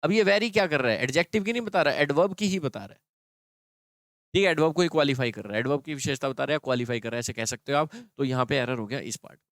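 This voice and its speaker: A man's voice: medium pitch, lively intonation, quick pace, fairly bright tone, no room sound, clean studio sound. A man teaching an English grammar lesson, explaining patiently and quizzing his students.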